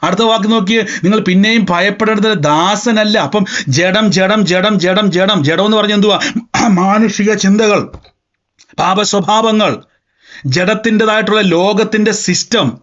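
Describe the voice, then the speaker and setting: A man's voice: sits high, measured pace, a bit bright. A man preaching a sermon as pastor, quoting scripture and firing rhetorical questions at the congregation. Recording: dull lo-fi sound.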